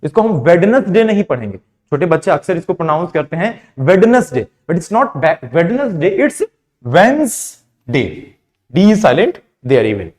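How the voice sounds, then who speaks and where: A young man from India gives a classroom lesson on pronunciation. His voice sits high and moves a lot as he quizzes his listeners and answers for them. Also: big pitch swings, normal speed, hardly any pauses. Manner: asks questions then answers them himself, mixing Hindi and English. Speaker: teacher.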